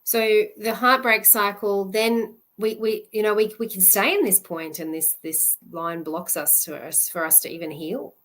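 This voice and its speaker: A woman love coach giving a live presentation in an earnest, halting way, often restarting her sentences. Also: mid-range voice, a bit bright.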